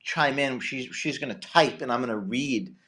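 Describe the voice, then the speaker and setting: A man's voice: mid-range voice, moderate pace, pushed and bright. A man hosting a casual livestream, talking conversationally and often repeating words as he restarts sentences. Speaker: livestream host.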